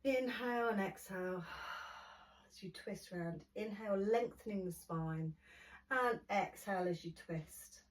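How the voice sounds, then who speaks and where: A woman leading a gentle prenatal yoga class, guiding slowly and soothingly, at times dropping almost to a whisper. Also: medium pitch. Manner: slow, soothing instruction, softening to near whisper. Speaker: yoga teacher. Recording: voice from a distance off the mic.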